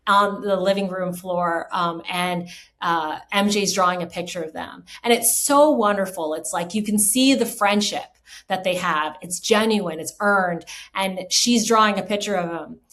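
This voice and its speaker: A woman hosting a podcast, talking casually and enthusiastically with lots of fillers, clearly moved by what she describes. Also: fairly low pitch, moderate pace, fairly bright tone. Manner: enthusiastic, rambling with many fillers; emotional, moved by film moments. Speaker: podcast host.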